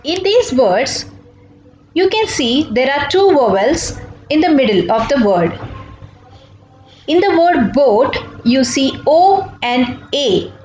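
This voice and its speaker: A woman's voice: high-pitched, big pitch swings, slow pace, a little mellow. A woman teacher giving a careful spelling lesson, spelling words out letter by letter. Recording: echoey room with faint music.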